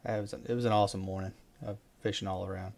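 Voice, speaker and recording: Guy talking over fishing clips, lowish voice, rambly, repeats himself, gets pumped on big fish. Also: fast talker. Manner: relaxed, rambling, repeats words, excited bursts at fish. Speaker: fishing vlogger. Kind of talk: casual commentary over fishing footage.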